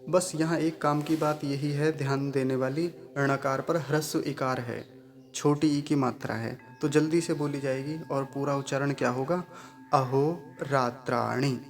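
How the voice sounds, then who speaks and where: A man's voice: on the high side, fairly even intonation, normal speed, soft background music. A man teaching the correct pronunciation of mantras in a patient online lesson, breaking words into syllables and repeating them. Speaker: Sanskrit recitation teacher.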